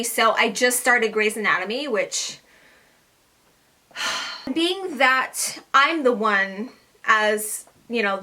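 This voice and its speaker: Woman vlogger, casual to-camera chat, slightly breathless, crisp bright tone, rambling with fillers. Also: on the high side. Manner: chatty, lots of fillers and restarts. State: short of breath.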